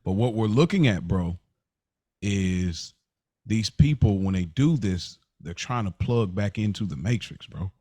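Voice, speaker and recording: This American podcast host tells stories animatedly during a casual discussion, acting out quotes and repeating phrases to stress them. His fairly low voice is unhurried and slightly rough, with no echo.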